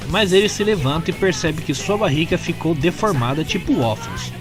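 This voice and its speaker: At a moderate pace, a Brazilian man recaps a scripted story with lively expression, his pitch ranging widely from a fairly high baseline. Behind his narration, guitar music plays distinctly.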